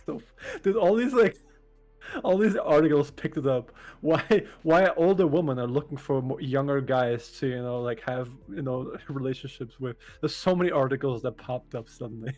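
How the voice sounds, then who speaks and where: A man co-hosting a casual podcast chat, an animated storyteller who laughs often. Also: mid-range voice, normal speed, soft background music. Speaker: podcast co-host. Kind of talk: casual chat among streamers.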